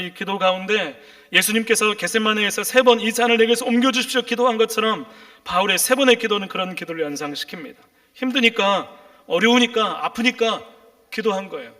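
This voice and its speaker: A man's voice: high voice, pushed and bright. A man preaching a sermon as pastor, with rising, emphatic calls to the congregation. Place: church sanctuary. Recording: reverberant church hall.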